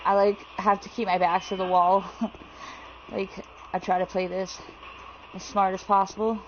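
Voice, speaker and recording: A woman talks her way through a horror game in loose, casual commentary, jittery and quick to swear. Her voice sits at an ordinary middle pitch. The recording is a little dull and lo-fi, with a faint hiss underneath. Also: little pitch movement. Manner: jittery, swears freely, reads aloud. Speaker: let's play gamer.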